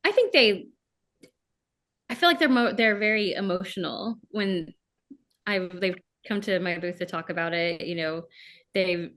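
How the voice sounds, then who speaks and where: A woman voice actress chatting as an interview guest, bubbly and animated. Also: fairly low pitch, a little slow, long pauses. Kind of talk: casual interview chat.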